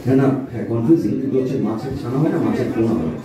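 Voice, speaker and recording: Male puppeteer straight man, quick delivery, scolding and explanatory, heard from afar with heavy echo. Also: medium pitch, crowd noise. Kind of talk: comic stage dialogue with a puppet. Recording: very echoey hall, distant mic, audience.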